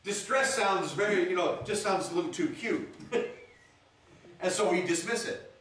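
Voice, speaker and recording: A man's voice: sits high, normal speed, fairly bright tone. A man preaching a sermon as pastor, reading scripture aloud and calling out to his congregation in a church. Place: church sanctuary. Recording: echoey church room, voice from a distance.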